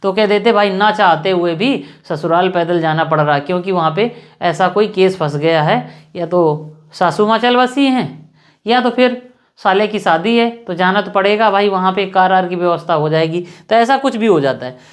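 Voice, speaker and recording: A woman teaching English grammar in Hindi, slowly repeating example sentences word by word. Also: on the low side. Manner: slow, repetitive, spells out example sentences word by word.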